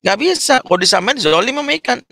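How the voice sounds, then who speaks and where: A man teaching an Islamic parenting webinar in an animated, humorous way, acting out examples. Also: extremely high pitch, quick pace, creaky, no echo.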